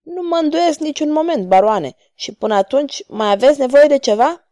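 A woman's voice: sits high, lively intonation, dark tone, dry recording, voice pushed up. A woman voicing a bold, mocking male cavalier swordsman who speaks with courtly irony. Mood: ironic. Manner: ironic, courtly and taunting.

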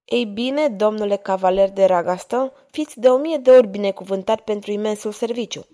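A woman's voice: medium pitch, dark tone, lightly acted. A woman voicing a frightened, noble young lady of eighteen who pleads in a trembling voice. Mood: grateful.

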